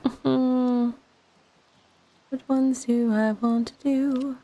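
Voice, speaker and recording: A middle-aged woman livestreams a video game and chats casually over the gameplay, rambling a little and thinking aloud. Her voice is high and dark-toned, with a steady tone and a very slow delivery.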